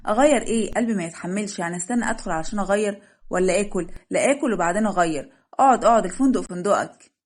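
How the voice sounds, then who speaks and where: A woman with an Egyptian accent voicing a feisty young bride who talks loudly and teasingly. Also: medium pitch, rapid-fire, lightly acted. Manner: loud, teasing, sassy.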